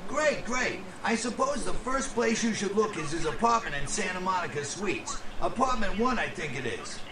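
A man's voice: high-pitched, very animated, normal speed, crowd noise. A man voicing a shifty, chatty middle-aged video game character in a casual, folksy way. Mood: coaxing. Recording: echoey, distant, music behind.

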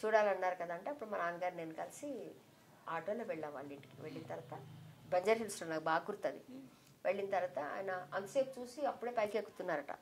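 A woman's voice: on the low side, fast, slight background noise. Heartfelt middle-aged woman reminiscing. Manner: heartfelt, emotional storytelling, softening when quoting others. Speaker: interview guest. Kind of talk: reminiscing in an interview.

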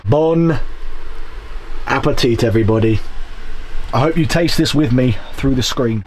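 A young man chatting excitedly to camera as a van life vlogger inside his small camper van. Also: mid-range voice, measured pace, noisy background. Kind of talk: casual vlog narration to camera. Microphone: camera held or set close.

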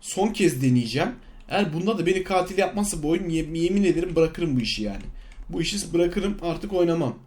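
A man giving casual commentary on his own gameplay, swinging between loud outbursts and sly muttering. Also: on the high side, animated, a little fast. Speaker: gaming YouTuber. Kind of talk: casual Let's Play commentary.

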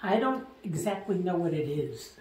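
A woman's voice: fairly low pitch, sing-song, normal speed, a little mellow. An older woman tasting snacks, hesitant and plain-spoken. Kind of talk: casual chat. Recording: echoey room, mic off at a distance, faint noise.

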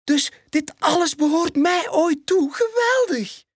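A man with a Flemish accent voicing an eager, excitable young male lion cub in a storybook reading. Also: extremely high pitch, moderate pace, husky, no echo, clean studio sound, pitched above the performer's own voice, full character voice. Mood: excited. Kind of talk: storybook read-aloud.

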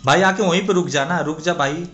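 A man's voice: fairly high pitch, fairly quick, a bit bright, soft background music. Exasperated young man venting over game loot. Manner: frustrated, swearing, pleading with the game. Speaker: gaming YouTuber. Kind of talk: live crate-opening commentary.

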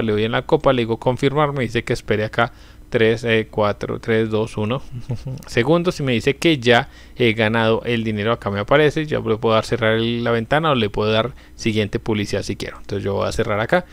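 A young channel host walks through a website step by step in a screen-recorded tutorial, his pitch middle and unremarkable. He explains casually with everyday fillers, talking fairly quickly, close to the mic in a small room, and the recording is dry.

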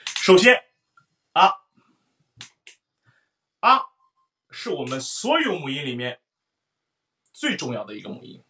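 A man's voice: on the high side, big pitch swings, takes it slowly, long pauses. A man teaching a singing lesson, explaining resonance and singing vowels aloud to show it. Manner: explains then sings vowels, loud sung demonstrations.

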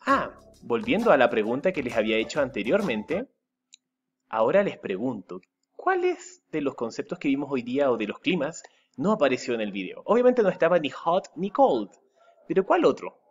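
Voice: medium pitch, huge pitch swings, moderate pace, lo-fi sound, slight background noise. An English teacher from Chile with a Chilean Spanish accent, patiently drilling words and switching between Spanish and English in a recorded lesson. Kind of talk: remote classroom lesson.

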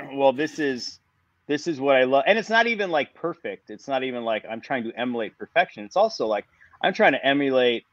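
A man's voice: medium pitch, lively intonation, a little fast, a bit bright, dry recording, dull audio. A man in his forties, a musician guest, talking reflectively in a casual podcast conversation and circling back with frequent restarts. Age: 40s.

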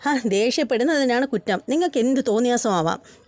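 A proud young wife, read out by a woman narrator, indignant and talking back with her voice raised. It is fairly high-pitched and the recording is dry and close. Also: expressive, a little fast, a little mellow, dry recording, lightly acted.

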